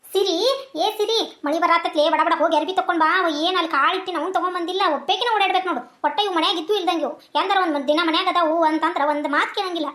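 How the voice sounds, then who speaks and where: A woman voicing a tired, scolding middle-aged village mother in a cartoon, with a North Karnataka Kannada accent. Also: a bit bright. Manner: high, quick, nagging. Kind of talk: cartoon dubbing.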